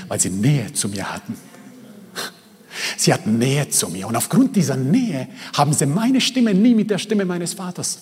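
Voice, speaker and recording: A man's voice: a little high, husky. A man from Croatia and Bosnia preaching a sermon in a church hall, with an emphatic, repetitive cadence that builds in intensity. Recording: long reverb of a large hall.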